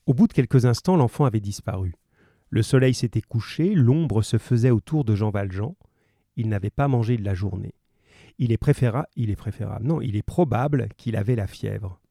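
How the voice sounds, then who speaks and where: A male teacher reads a novel aloud and then talks a remote class through it. He is chatty and stops often to correct himself. His voice is dark and mellow, and the sound is dry. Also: fairly low pitch, normal speed, creaky, dry recording. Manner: chatty, with hesitations and self-corrections.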